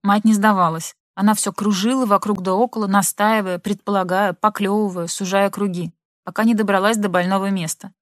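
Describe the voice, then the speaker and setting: A woman narrating a literary audiobook in an expressive, measured manner. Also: mid-range voice, dry recording, studio quality.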